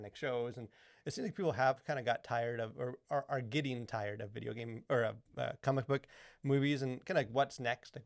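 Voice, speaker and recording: A male co-host with a medium-pitched, creaky voice rambles casually through the podcast chat, using many fillers such as "like" and "you know." The studio-quality recording has no echo.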